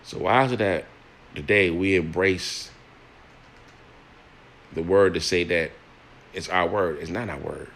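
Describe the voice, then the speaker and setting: A man's voice: deep voice, unhurried, long pauses, fairly bright tone, a little hiss or hum. An older man in a personal monologue, earnest and plain-spoken, often repeating words and restarting as he speaks to listeners.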